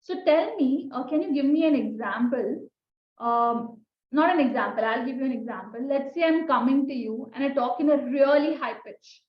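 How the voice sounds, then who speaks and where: A woman's voice: sits high, moderate pace. A woman teaching a communication skills lesson in a conversational way, often asking her listeners questions. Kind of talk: recorded lesson. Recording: echoey room, dull sound.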